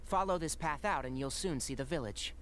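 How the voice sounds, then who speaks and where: An actor playing a composed young healer in a video game, measured and articulate with a gentle wryness. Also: male voice, on the high side, crowd noise, natural voice. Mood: clinical. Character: calm, knowing young forest healer, gently wry.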